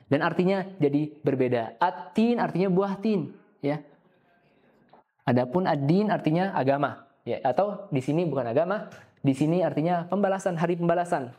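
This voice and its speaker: A man teaching careful recitation, slowly drawing out each verse before explaining it briskly, tagging "ya" onto nearly every phrase and clearing his throat now and then. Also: a little high, warm tone. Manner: adds "ya" as a tag after nearly every phrase. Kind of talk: tajwid lesson with slow demonstration recitation.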